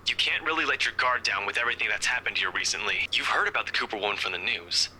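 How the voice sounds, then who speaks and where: A man's voice: lowish voice, fast, sharp tone, a little hiss or hum, rough recording. An actor playing an earnest, worried young man in a game, serious and direct. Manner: serious, earnest, teasing at times. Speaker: game character. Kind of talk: game voice acting.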